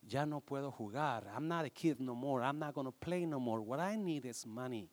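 A man voicing a boy grown into a tired, needy man, speaking low and subdued in a sermon story. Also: moderate pace, lightly acted. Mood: weary.

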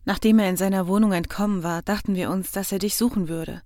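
A woman's voice: mid-range voice, steady tone, fast talker, darkish tone, no echo, clean studio sound, lightly acted. A woman voicing an unsure burly man who sounds reassuring yet hesitant, in an audiobook.

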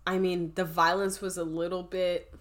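A woman chatting casually as a podcast co-host, animated, laughing often and acting out quotes. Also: lowish voice, normal speed. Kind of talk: casual chat.

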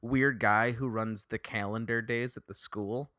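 A man co-hosting a casual podcast, easygoing and quick to poke fun at himself. His voice is bright and forceful, and it is recorded dry and close, with no room sound. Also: medium pitch, fairly even intonation, no room sound. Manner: self-deprecating, easygoing. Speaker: podcast co-host. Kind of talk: casual review chat.

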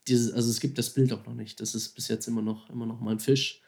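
A man casually and excitedly retelling how he caught a huge fish, slangy and animated, acting out his own thoughts and phone calls. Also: medium pitch, quick pace, gravelly. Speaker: angler telling a fishing story. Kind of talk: casual storytelling.

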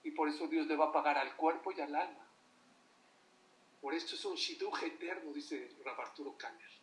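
Religious teacher, high voice, animated storyteller; echoey room, far from the mic. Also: male voice, normal speed. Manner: animated storytelling, asks the audience questions. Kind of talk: sermon.

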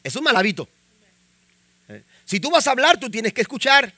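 A man's voice: very high-pitched, sing-song, moderate pace, sharp tone, no room sound, clean studio sound. A young adult male pastor, preaching a sermon and punctuating it with frequent amens and rising emphasis.

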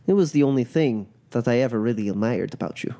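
Guy doing a proud bitter crime boss tied up in a tabletop game, mellow and dark, formal, full of scorn. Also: mid-range voice, expressive, lightly acted. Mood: cold scorn. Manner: measured, formal, disdainful phrasing.

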